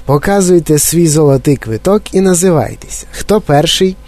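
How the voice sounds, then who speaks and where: A man voicing an eccentric, excitable male chocolate-factory owner who speaks in a high, clear, flute-like voice and gushes with delight. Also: normal speed, faint music behind, natural voice. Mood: gushing, excited. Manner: effusive, bubbling with excitement. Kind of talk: audiobook character voice.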